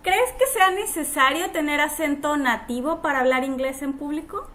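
A woman's voice: high voice, moderate pace, a bit bright. A woman hosting an interview podcast, chatting in a friendly way with filler words. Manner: friendly, uses fillers like "este", laughs often. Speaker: podcast host. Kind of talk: casual interview.

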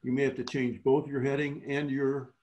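A man's voice: medium pitch, level tone, normal speed, dull audio, heavy background noise. Man teaching on a video call. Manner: explanatory, restarts phrases often. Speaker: sailing clinic instructor. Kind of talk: virtual clinic teaching.

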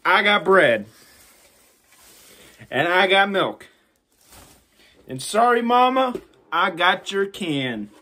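A man in his thirties talks casually to his viewers on a phone at home. His pace is slow and his pitch moves around a lot. The wording is loose and informal. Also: big pitch swings, pushed and bright. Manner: informal, swearing, addressing viewers as guys. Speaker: vlogger doing a food challenge. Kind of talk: casual vlog chat. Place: small indoor room at home. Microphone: phone at about arm's length.

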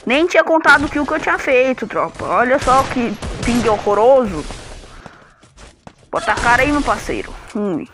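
A man with a Brazilian accent and a high, light voice calls out a shooter match as he plays. He trash-talks rivals and grumbles about his connection. Loud game gunfire rattles beneath his voice. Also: very animated, moderate pace, background noise. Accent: Brazilian Portuguese. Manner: trash-talking, complaining about lag. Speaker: gamer streamer. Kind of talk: live gameplay commentary.

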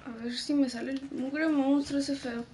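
A woman's voice: sits high, fairly even intonation, moderate pace, dark tone, a little hiss or hum. A woman with a Mexican Spanish accent giving casual commentary while playing a video game, talking to herself, jumpy and given to shrieks and playful swearing. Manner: jumpy, yelps and shrieks when startled. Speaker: gameplay streamer.

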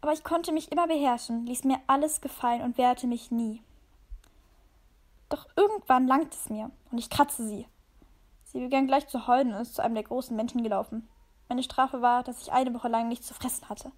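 A woman reading a fan story aloud with expressive first-person storytelling. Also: fairly high pitch, moderate pace. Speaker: story reader.

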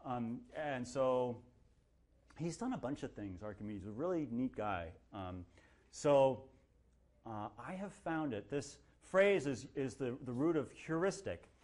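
A man's voice: mid-range voice, a little slow. A man lecturing a university class in a casual, joking way, acting out little quoted voices as he explains. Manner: lively, jokey, acts out quotes. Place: lecture hall.

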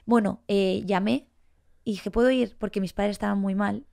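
A woman's voice: mid-range voice, normal speed, creaky. A woman in her forties with a Spanish accent from Spain, a podcast guest telling her own story candidly and with feeling, acting out what people said. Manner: emotional, animated, acts out past dialogue.

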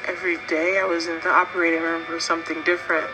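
A woman's voice: lowish voice, little pitch movement, fast talker, music in the background, rough recording. A woman telling an emphatic, emotional personal account of complications after giving birth, in an interview clip. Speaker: interviewee recounting childbirth complications.

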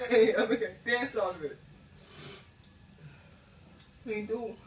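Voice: mid-range voice, takes it slowly. A person chatting casually and playfully in slang during a challenge video. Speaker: challenge participant. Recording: roomy, distant mic, background noise.

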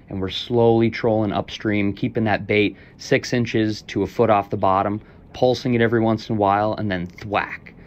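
A young man giving a relaxed, instructional voice-over about a fishing rig for his fishing vlog. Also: on the low side, dull audio.

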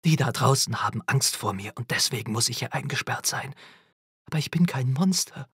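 A man's voice: medium pitch, a little slow, gravelly, slightly rough, no room sound, clean studio sound. A man voicing a bitter young boy in an audiobook who speaks threateningly, often half-whispered. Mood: tearful anger. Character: bitter, menacing young boy with fire powers. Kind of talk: audiobook character voice.

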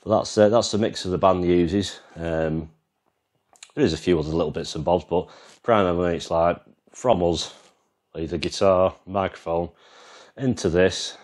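A man's voice: deep voice, moderate pace, a little mellow. An English man casually walking through his band's sound mixer, rambling and explaining as he goes, filming on a handheld camera. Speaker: vlogger and band musician. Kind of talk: casual walkthrough demo. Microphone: handheld camera, freehand.

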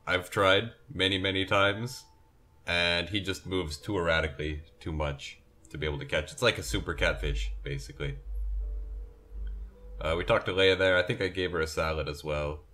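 Sleepy young man, deep voice. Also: fairly bright tone. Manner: rambling, self-correcting, yawning. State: sleepy, yawning. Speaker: gameplay commentator. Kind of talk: casual game commentary.

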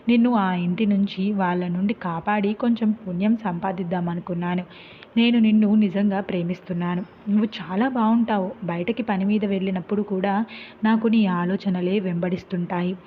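A woman voicing a gentle young husband earnestly confessing in a storybook tale, with a tinny phone-like sound. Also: mid-range voice, a little hiss or hum, natural voice. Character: young husband, gentle, loving, feigning madness.

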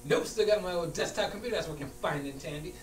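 A man's voice: a little high, fast talker, natural voice. A man acting out a stubborn, muddled, easily riled basketball coach in an argumentative comedy scene. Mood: cheerful, muddled. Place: large room with small stage, indoors. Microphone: far camera. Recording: distant, echoey room with hum and noise.

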